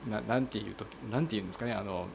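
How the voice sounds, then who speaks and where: A podcast host from Kochi, Japan, talks casually on his own in a Tosa dialect accent, hesitating with lots of fillers and restarts. His voice is lowish with vocal fry, he speaks at a racing pace, and there's slight background noise.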